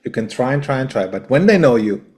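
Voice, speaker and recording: A man hosting a casual interview, speaking in a friendly, halting way and often repeating words. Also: medium pitch, sing-song, a little mellow. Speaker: interview host.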